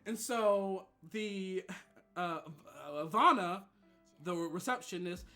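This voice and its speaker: A man streamer telling a story casually, animated and laughing often, swinging between loud and quiet. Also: sits high, slow, soft background music.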